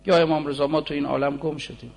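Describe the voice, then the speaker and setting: A man in his forties delivering a sermon with a gravelly, raspy edge to a voice that sits a little high for a man. He talks to the listeners in an easy, conversational way, then slows right down to chant lines of verse in long, drawn-out phrases. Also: little pitch movement. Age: 40s. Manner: shifts between conversational preaching and slow, drawn-out chanting of poetry. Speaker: preacher.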